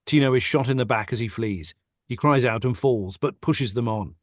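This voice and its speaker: Man calmly reading stage directions. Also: medium pitch, normal speed, no echo, clean studio sound. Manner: steady, matter-of-fact reading of action. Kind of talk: script narration in a table read. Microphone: video call.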